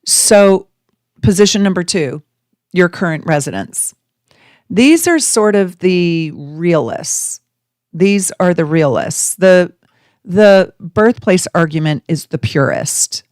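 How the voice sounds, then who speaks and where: A woman astrology host teaching her viewers, talking them through ideas with drawn-out emphasis and rhetorical questions. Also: on the low side, animated, darkish tone, dry recording, studio quality.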